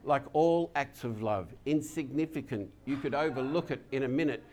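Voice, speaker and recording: An older man, a pastor, giving a gentle and plain-spoken communion sermon, often dropping to a soft, intimate tone. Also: medium pitch. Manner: slow, gentle, intimate preaching with soft drops.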